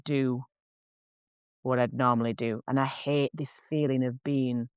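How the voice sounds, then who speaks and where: Speaking unhurriedly in a bass voice with fairly even intonation, a face painter in her 40s talks candidly as a podcast guest. She's chatty and frank in casual conversation, restarting often. The tone is clean with no room sound, though the podcast audio is dull, dry, and lo-fi.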